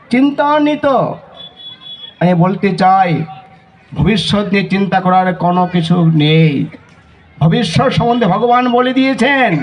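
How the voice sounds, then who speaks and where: High-pitched slow-preaching man. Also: lo-fi sound, slight background noise. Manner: slow preaching that rises to shouted chant calls. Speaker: monk giving a talk. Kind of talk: devotional sermon with chanting. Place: gathering of devotees at a memorial festival.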